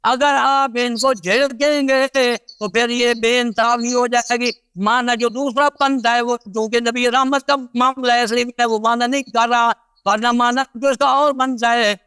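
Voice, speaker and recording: High bright man in a heated debate. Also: fairly even intonation, clear, resonant tone, no echo, studio quality. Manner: insistent, interrupts often. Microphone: video call.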